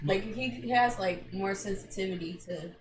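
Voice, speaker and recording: A woman co-hosting a casual reaction chat, talking in a relaxed, musing way. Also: mid-range voice, moderate pace. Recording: echoey room with clear background noise.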